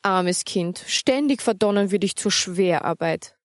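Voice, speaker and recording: Woman as a calm, wry storybook mother. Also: mid-range voice, unhurried, dry recording, studio quality, lightly acted. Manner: calm, gently teasing.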